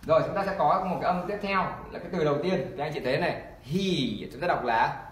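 A man teaching an online pronunciation lesson, repeating example words slowly and encouraging learners. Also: fairly high pitch, animated. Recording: echoey room.

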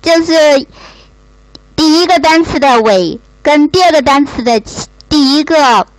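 A woman in a study group reading aloud carefully and explaining slowly over a voice call. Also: high-pitched, dry recording, rough recording.

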